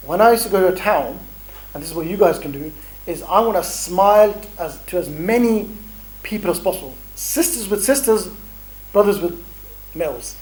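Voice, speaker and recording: A man's voice: high-pitched, a little mellow, poor audio. Casual guy teaching a room, bantering, acts out little street chats. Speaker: dawah trainer. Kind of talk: energetic workshop talk.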